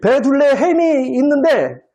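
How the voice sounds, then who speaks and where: A male pastor preaching a sermon at a church service. He talks playfully, cracks jokes and keeps prodding the congregation with quick questions. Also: extremely high pitch, sing-song, warm tone. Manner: quizzes the congregation with constant "eh?" prompts; jokey, playful wordplay.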